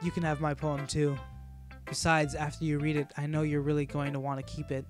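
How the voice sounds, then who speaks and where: A man's voice: fairly high pitch, flat delivery, a little fast, faint music behind, close to an everyday voice. A man reading as an obsessive shy girl. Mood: eager. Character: shy, obsessive young woman from a visual novel.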